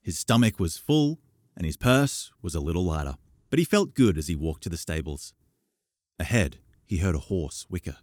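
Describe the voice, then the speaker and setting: A man's voice: normal speed, no room sound, studio quality. A man reading an audiobook demo reel, voicing each character. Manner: expressive, voices characters with raised pitch. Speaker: audiobook narrator.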